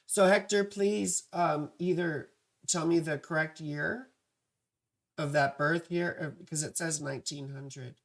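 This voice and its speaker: Creaky vocal fry, casual livestream astrology host. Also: mid-range voice, steady tone, a little slow. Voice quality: vocal fry, dry parched voice. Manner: playful, scattered, self-interrupting, with affectionate asides. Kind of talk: casual rambling livestream chat with viewers.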